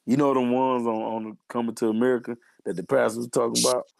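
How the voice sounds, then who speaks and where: Low gravelly young dude hosting a pod, loud jokey slang, dry close sound. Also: male voice, flat delivery, quick pace, dry recording. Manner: hyped, joking, slangy, repeats phrases. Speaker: podcast co-host. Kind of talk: casual podcast banter.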